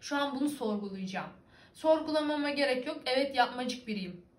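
A woman's voice: high voice, expressive, fairly quick. A young woman from İzmir with an Aegean Turkish accent, casually reading and teasing back at viewer comments, laughing often. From İzmir, Turkey. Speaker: vlogger. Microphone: computer webcam. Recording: echoey room.

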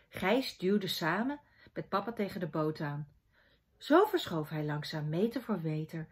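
A woman from the Netherlands reading a children's book aloud in an expressive storytelling manner. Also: mid-range voice, husky. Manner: expressive storytelling, softening to a hush in quiet scenes.

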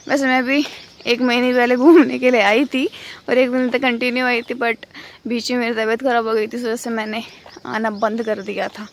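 Chatty young woman vlogging with a gravelly edge. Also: a little high, little pitch movement, normal speed. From India. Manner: chatty, rambling, filler-heavy. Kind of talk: casual vlog talk to camera. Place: outdoors on a quiet railway colony road. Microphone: phone held at arm's length.

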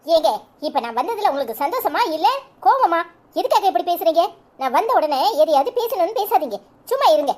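A woman with a Kanyakumari Tamil accent voicing a sharp-tongued, bossy young wife in a cartoon. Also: very high voice, big pitch swings, a little fast. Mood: irritated. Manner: curt, scolding. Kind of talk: cartoon voice acting.

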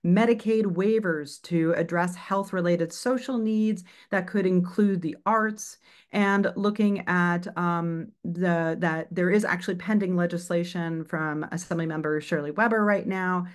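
A woman presenting a webinar on arts advocacy, talking briskly through slides with many fillers and quick self-corrections. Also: fairly low pitch, fairly even intonation.

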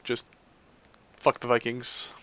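A man's voice: mid-range voice, monotone, takes it slowly, bright, forceful tone. A man giving casual let's play commentary on a strategy game, grumbling, sighing and swearing at it. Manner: swears freely.

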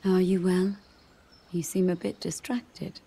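An actress playing a gentle, perceptive queen in a video game, speaking in a measured, gracious, soft-spoken way. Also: on the low side, level tone, breathy edge, exaggerated voice. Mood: calm, caring. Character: gentle, perceptive queen with time powers, serene adult. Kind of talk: video game cutscene acting. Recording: music behind the voice.

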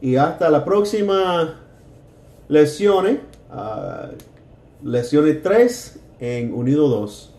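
Male teacher, slightly high voice, drills words slowly and clearly, echoey room. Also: wildly swooping pitch, mellow. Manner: repeats English words slowly for learners to copy. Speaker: English teacher. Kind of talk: slow beginner English lesson in Spanish.

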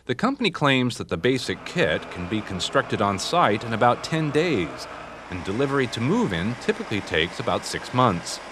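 Polished male TV host narrating. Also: mid-range voice. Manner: smooth, measured presenter delivery. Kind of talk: scripted documentary narration. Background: background music under the voice-over.

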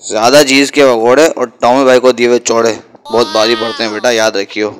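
A man's voice: mid-range voice, flat delivery, brisk, background noise, natural voice. A man voicing a brash, foul-mouthed male gangster who swaggers and insults in an amateur game dub. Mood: scornful. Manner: swaggering, insulting, panics into yelling while racing.

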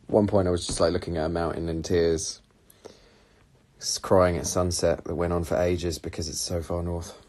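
A man's voice: sits low, little pitch movement, moderate pace, darkish tone. A young man casually chatting on a live phone stream, talking animatedly and reading out viewer comments from a small room. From England. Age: young adult. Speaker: livestream host answering viewer questions. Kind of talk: casual chat. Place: small room indoors, seated on red sofa. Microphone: phone at arm's length.

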